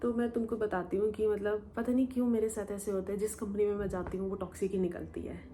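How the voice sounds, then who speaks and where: Young woman vlogger, casual Q&A storyteller, animated and colloquial, mid-pitched. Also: fast, slight background noise. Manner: animated, colloquial, mixes English words into speech.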